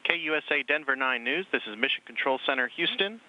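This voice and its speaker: A man's voice: mid-range voice, lively intonation, quick pace. A man from mission control calling the station over a space-to-ground radio link, in clipped radio call procedure. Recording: muffled distant radio audio.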